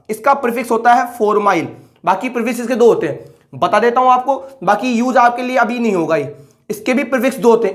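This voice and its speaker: A male chemistry teacher giving an online lecture in casual Hindi. He asks a question, answers it himself, and repeats the key terms, slowing down to spell out each formula. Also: extremely high pitch. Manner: slows right down to spell out formulas.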